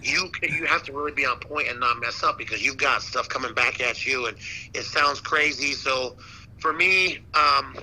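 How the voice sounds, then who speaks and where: A man who works as a ring announcer, chatting casually as an interview guest and telling stories in a slangy, animated way. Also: medium pitch, normal speed, poor audio. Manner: slangy, animated storytelling with repeated "man" and "dude". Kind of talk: casual chat.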